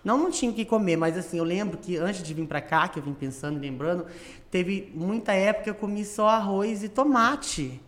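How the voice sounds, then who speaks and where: A woman from central-west Brazil telling a story as a guest in a casual chat, animated and laughing, acting out other people's voices. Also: mid-range voice, fairly quick. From Brazil, Mato Grosso do Sul.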